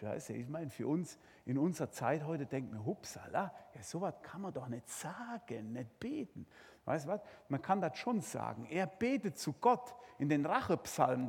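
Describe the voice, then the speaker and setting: A high, husky male voice preaching with swooping, lively intonation and sudden bursts of intensity. He talks straight to his listeners with rhetorical questions. The sermon rings out with the long reverb of a large hall. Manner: dramatic, addresses listeners directly with rhetorical questions.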